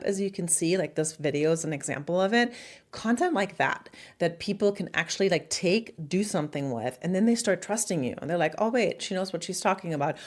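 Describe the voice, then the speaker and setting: A middle-aged woman giving casual, upbeat marketing advice straight to camera as the host of her channel, laughing now and then. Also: on the low side.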